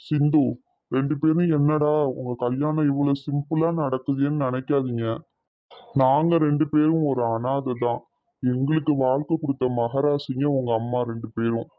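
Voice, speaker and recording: An earnest middle-aged cartoon father, voiced by a man gives a heartfelt speech at a medium pitch. The sound is tinny and phone-like, and dry. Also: dry recording, natural voice.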